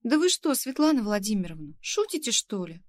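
A woman's voice: medium pitch, animated, normal speed, pitched above the performer's own voice, natural voice. A woman voicing a sulky young female kindergarten worker in her twenties, grumbling and reluctant. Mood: glum. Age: 20s.

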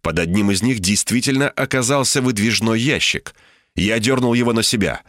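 A man's voice: lowish voice, normal speed, a bit bright, no echo, clean studio sound. A man narrating a tense first-person story in an audiobook style.

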